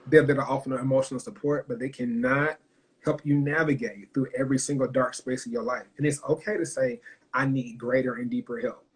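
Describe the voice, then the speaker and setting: A man's voice: mid-range voice, fairly even intonation, brisk, low-quality recording. A man hosting a heartfelt livestream talk, speaking earnestly and emphatically, swearing freely and emotional. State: emotional, choked up. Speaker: host.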